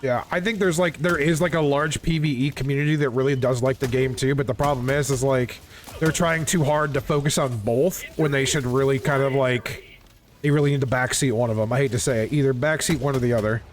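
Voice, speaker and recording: A man's voice: medium pitch, steady tone, a little fast. A man in a casual gaming chat, complaining insistently and repetitively with frequent casual swearing. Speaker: video game player.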